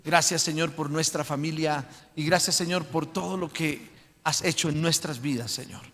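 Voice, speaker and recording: Pastor guy preaching, higher voice with some gravel, big church echo. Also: normal speed. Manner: storytelling with acted voices and loud prayer. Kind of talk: sermon. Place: church sanctuary. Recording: long hall reverb.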